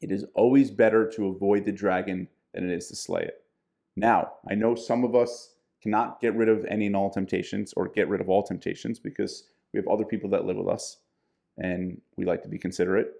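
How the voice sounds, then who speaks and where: A man's voice: fairly low pitch, fairly even intonation, brisk, gravelly, mellow. A man co-hosting a casual diet podcast, giving plain-spoken practical advice. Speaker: podcast co-host, diet coach.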